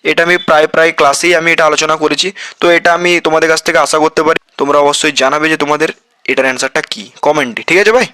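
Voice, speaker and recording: Male teacher, quiz-lesson read-through, bright tense tone, dry close mic. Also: fairly high pitch, fairly even intonation, fast, clear, resonant tone, no echo. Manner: reads each question, then answers it himself; calls listeners "bhai", repeats himself and self-corrects. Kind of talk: exam-prep quiz lesson.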